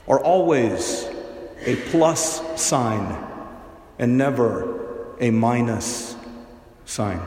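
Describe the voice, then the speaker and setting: A man serving as priest, giving a gospel reading and homily in a measured, deliberate way with dry humor, in a large church. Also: medium pitch. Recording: long cathedral-like hall echo.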